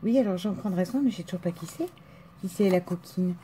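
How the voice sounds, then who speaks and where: Lady unboxing letters, lots of ohs and euhs, lowish voice, slight background hiss. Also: brisk, mellow. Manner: chatty, gushing, lots of fillers and exclamations. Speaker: vlogger opening mail. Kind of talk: casual unboxing chat.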